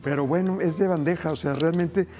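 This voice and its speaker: A middle-aged man with a fairly high, steady voice talks a little fast while hosting a cooking show on a TV studio kitchen set, music playing in the background. He enthusiastically addresses viewers directly as he cheerfully walks them through a recipe.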